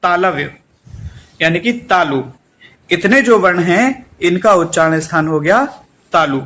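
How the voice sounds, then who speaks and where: Slow, high-voiced male teacher. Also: expressive, a bit bright. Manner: slow, drawn-out chanting of memory formulas, repeating each line; addresses students directly with instructions. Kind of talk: exam-prep lesson.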